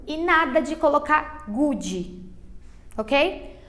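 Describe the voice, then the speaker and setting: A Brazilian woman with a Brazilian Portuguese accent, an English teacher giving a beginners' lesson, explaining slowly and checking in with "ok?" and "tá?" after each point. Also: high voice, lively intonation. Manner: patient, drawn-out explanations full of diminutives and check-ins like "ok?".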